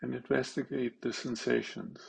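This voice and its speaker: A man leading a slow guided meditation, halting, with long pauses and simple phrasing. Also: mid-range voice, level tone, vocal fry, breathy edge, poor audio.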